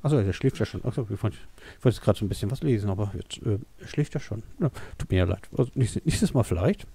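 A man's voice: lowish voice, lively intonation, fast talker, creaky, dark tone, husky. A man giving casual, rambling commentary while playing a life-simulation game, thinking aloud with many fillers. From Germany. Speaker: let's play gamer.

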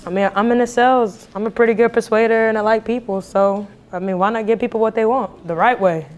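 A woman's voice: a little high, steady tone, fast talker, lightly acted. An actress playing a confident, playful young saleswoman. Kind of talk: web drama acting.

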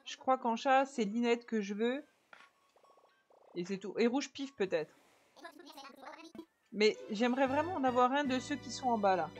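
A woman chatting softly with viewers while she streams a video game on a headset mic. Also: a little high, a little slow, pauses often. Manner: soft-spoken, chatty with viewers. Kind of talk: casual live-stream chat while playing. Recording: game music under the voice. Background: game music.

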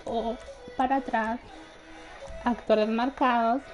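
Young woman gaming streamer, slow relaxed chat with a bit of a high voice, faint music under. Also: lo-fi sound. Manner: chatty, laughs often, reads out chat greetings. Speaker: gaming livestreamer. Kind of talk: casual live gameplay chat. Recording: faint game music behind.

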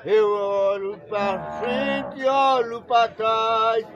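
A man from Northeast Brazil, a cowboy, reciting rhyming verse in a half-sung, drawn-out way in an outdoor cattle pen. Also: high voice, sing-song, lo-fi sound, over music. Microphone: handheld camera close by. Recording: busy crowd around outdoors.

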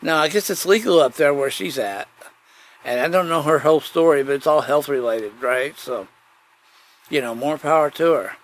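A man with a slightly high voice talks at a moderate pace, and the audio quality is poor. He's a podcast host chatting casually by himself, folksy and digressive, often circling back to repeat his phrases in a rambling solo chat.

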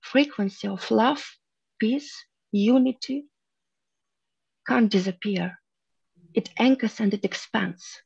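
A woman in her thirties, from Russia, leading a spiritual guided teaching on a video call, speaking softly and earnestly with drawn-out pauses. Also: on the high side, creaky, husky, dry recording. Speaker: meditation group leader. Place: room at home, indoors. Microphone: headset on a video call. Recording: muffled video call audio.

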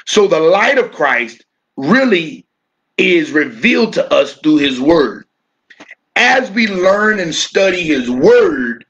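A man, a pastor, teaching a bible study in a church. He sounds preachy, repeats his phrases and slows right down to stress single words. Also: on the high side, a bit bright, lo-fi sound.

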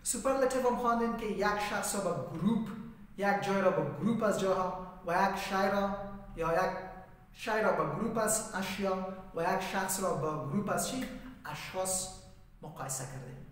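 A man's voice: high-pitched, a bit bright. Echoey Afghan Dari man teaching English. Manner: asks students questions and answers them himself, spells out words slowly. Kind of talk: classroom grammar lesson. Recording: echoey hall, mic far off.

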